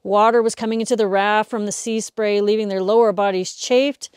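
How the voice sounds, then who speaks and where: A middle-aged woman telling a true story to camera in a casual, lively way, with a lapel mic, in front of a woodpile. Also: medium pitch, fairly quick, smooth, no echo. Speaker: host. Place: indoors in front of a stacked woodpile.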